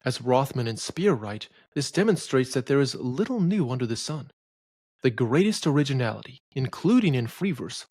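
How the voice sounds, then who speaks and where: Male lecturer, mid pitch, dry close mic, reads verse slowly and stressed. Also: a little mellow, no room sound. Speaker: poetry lecturer. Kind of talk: scripted educational narration.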